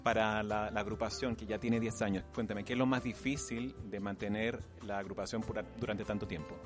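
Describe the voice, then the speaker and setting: This radio interviewer has a fairly low, steady voice and a fairly quick pace. Working an embassy cultural celebration, he asks courteous questions with minor restarts while loud music plays behind him.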